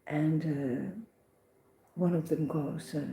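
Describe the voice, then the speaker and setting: A woman recounting her pilgrimage day in a casual, animated vlog, with many restarts and acted-out voices. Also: sits low, slow pace, creaky, roomy sound, a little hiss or hum, rough recording. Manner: animated, acts out others' voices, restarts often. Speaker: pilgrim vlogger.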